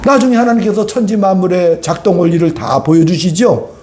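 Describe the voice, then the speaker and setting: A male pastor delivers an emphatic sermon, often turning to his congregation with rhetorical questions. His voice sits high but stays mellow and soft-edged. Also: brisk, a little hiss or hum.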